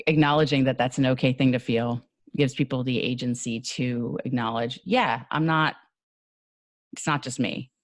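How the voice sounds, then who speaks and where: A woman with a New York accent, talking casually as a podcast guest, animated and quick to laugh with fast asides. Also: a bass voice, no echo, clean studio sound. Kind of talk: casual conversation.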